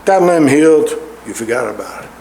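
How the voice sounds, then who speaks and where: A man's voice: mid-range voice, expressive, fairly quick, crowd noise. A middle-aged man preaching a sermon in a church, stressing and repeating his key words. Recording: roomy echo in a large hall.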